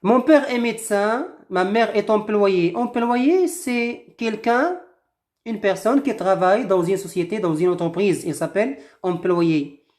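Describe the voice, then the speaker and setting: A woman teaching at a very slow, careful pace, pausing between short phrases. She explains vocabulary patiently and restates each word several ways until it is clear. Her voice sits in a middling pitch. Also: a little mellow. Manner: slow and deliberate, repeats and rephrases words with several synonyms. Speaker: French teacher. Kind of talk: slow explanatory lesson, reading a text aloud and explaining words.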